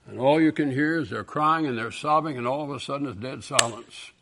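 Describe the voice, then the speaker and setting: Man, preacher, impassioned sermon, hushed to booming. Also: brisk, heavy background noise. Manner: swings from hushed storytelling to loud impassioned peaks.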